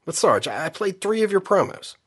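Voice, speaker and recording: A man's voice: high voice, very animated, a little fast, breathy edge, voice pushed up, heavily acted. A man voicing a nervous young male army private who whines and stammers in a comedy sketch. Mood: whiny. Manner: whiny, stammering.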